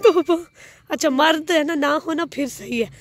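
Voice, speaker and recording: A woman from Pakistan chatting excitedly and laughing as she narrates a family vlog, filmed outdoors in a park on a handheld phone. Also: sits high, moderate pace. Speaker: family vlogger.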